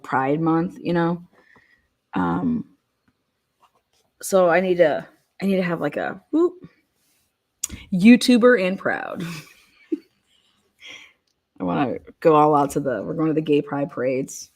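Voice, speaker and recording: Low-voiced brash woman livestreamer. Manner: brash, sweary, excitable. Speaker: livestream host, YouTuber. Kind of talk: casual live commentary.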